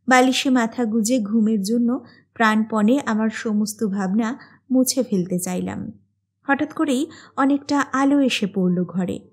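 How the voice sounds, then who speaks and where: A woman reads a novel aloud in a calm, measured way. Her voice is husky and sits a little high, with soft music faint in the background. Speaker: audiobook narrator. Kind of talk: scripted narration of a novel.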